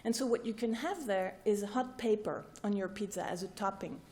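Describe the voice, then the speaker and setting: Mellow-voiced woman giving an academic talk. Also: mid-range voice, moderate pace. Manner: explains step by step, often checks in with "right?" and "okay?". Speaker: researcher presenting at a workshop. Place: lecture room with an audience.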